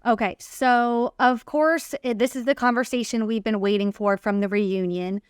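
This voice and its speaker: A woman with a smooth, clear and slightly high voice co-hosts a reality TV recap. She gives casual, opinionated commentary in slangy phrasing, with a dry, close sound. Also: fairly even intonation, moderate pace, dry recording. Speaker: podcast co-host recapping reality TV.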